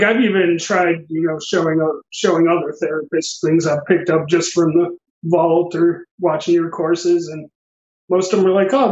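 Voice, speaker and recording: A man's voice: on the high side, a little mellow, roomy sound, dull audio. A man, a massage therapist, chatting easily as a guest on a podcast. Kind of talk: casual podcast conversation.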